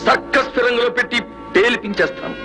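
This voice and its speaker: A man's voice: very high-pitched, fast, loud music behind the voice. An actor playing a scheming male villain who coldly threatens a father over his son. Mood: menacing. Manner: cold, menacing threats. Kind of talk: Telugu film acting.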